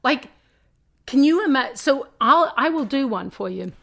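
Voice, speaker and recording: A woman's voice: sits high, expressive, a little slow, gravelly, fairly bright tone. A British-accented woman chats as a guest on a podcast. She rambles, restarts her sentences and adds asides as she tells her stories. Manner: chatty, many restarts and asides. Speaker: guest, theatre company founder. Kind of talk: casual podcast interview.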